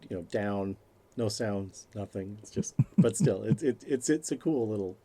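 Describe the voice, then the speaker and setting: A man's voice: on the low side, lively intonation, normal speed, warm tone. A man co-hosting a podcast, easily recapping a film's plot in casual chat. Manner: recaps plot at length, easygoing. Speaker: podcast co-host. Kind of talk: casual movie review chat.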